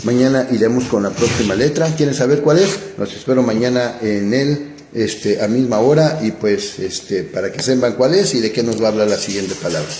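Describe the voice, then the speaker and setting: Male Bible teacher, halting and repetitive, echoey room. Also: medium pitch, darkish tone. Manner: halting, repeats words, rising "¿sí?" checks. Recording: echoey room, faint noise.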